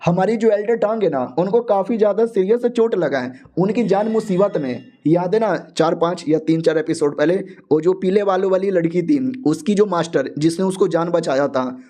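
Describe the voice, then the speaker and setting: Chatty high-voiced man recapping a story. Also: moderate pace, hardly any pauses, mellow. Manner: chatty, informal.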